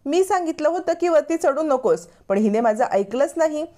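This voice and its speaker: A woman's voice: high-pitched, lively intonation, normal speed, warm tone, pitched above the performer's own voice. A woman voicing a scheming, jealous young woman who talks in a sly, complaining way.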